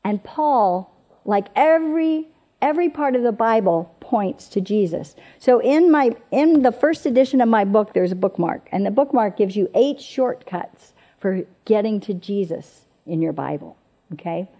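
A woman teaching from scripture in an earnest, emphatic way. She leans on repetition and rhetorical questions, and her pitch sits in an ordinary middle range. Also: lively intonation, normal speed, dark tone. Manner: earnest, emphatic, repeats key phrases. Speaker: speaker at women's Bible teaching. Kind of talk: expository Bible teaching. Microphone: presenting from notes on a screen.

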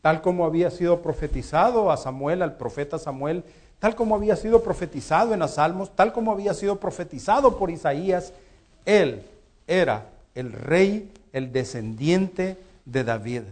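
Male preacher, earnest sermon delivery, slightly high pitch. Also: lively intonation, normal speed. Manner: earnest preaching with rhetorical questions and swings in loudness.

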